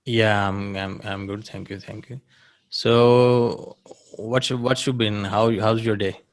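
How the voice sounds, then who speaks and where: A man hosting a podcast interview, casual and halting, often repeating his words. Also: lowish voice, steady tone. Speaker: podcast host.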